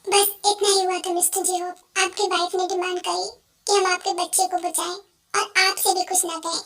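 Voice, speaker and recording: A woman's voice: very high-pitched, flat delivery, normal speed, a bit bright, faint music behind. A woman as a firm, formal doctor. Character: calm professional female doctor. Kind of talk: Hindi fan dub.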